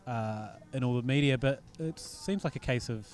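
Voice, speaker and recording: A man with a New Zealand accent hosting a podcast, chatting casually about beer news with relaxed ums and restarts. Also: mid-range voice, moderate pace, faint music behind. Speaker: podcast host.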